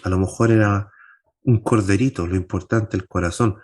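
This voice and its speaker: A man's voice: on the low side, fairly even intonation, normal speed, darkish tone. Emphatic male pastor teaching scripture. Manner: asks rhetorical questions and answers them. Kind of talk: Bible class teaching.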